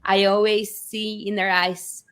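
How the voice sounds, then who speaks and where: A woman author, in Spanish, chatting animatedly in an interview with quick asides. Her voice sits at a middle pitch, and the sound comes over a video call. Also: little pitch movement, a bit bright. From Argentina. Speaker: children's book author. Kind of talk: reading and interview chat.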